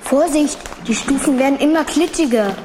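An actress playing a curious, excited young child explorer in a children's audio drama, with an inquisitive manner. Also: female voice, sits high, normal speed, lightly acted. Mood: curious, cautious. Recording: long cavernous reverb, faint noise.

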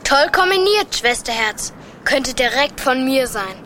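Cheeky high-voiced kid, noisy backdrop. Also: female voice, animated, a little slow, a bit bright. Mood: excited, cheeky. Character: cheeky, watchful young sibling on lookout. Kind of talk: children's audio drama acting. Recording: clearly noisy ambience.

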